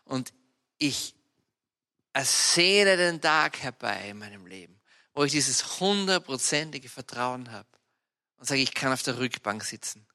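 A man with an Austrian accent preaching a sermon, telling personal stories in a lively, animated way with sudden loud outbursts. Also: mid-range voice, measured pace. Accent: Austrian German.

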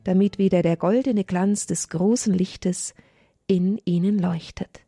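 A woman voicing a wise, glowing sun crystal in a storybook reading, speaking softly and solemnly. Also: mid-range voice, a little slow, husky, no echo, clean studio sound.

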